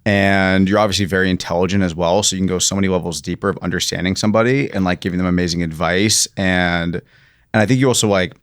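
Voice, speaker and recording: A young man guest on a podcast in casual chat, earnest and halting, often restarting his sentences. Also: sits low, steady tone, clear, resonant tone, no room sound, studio quality.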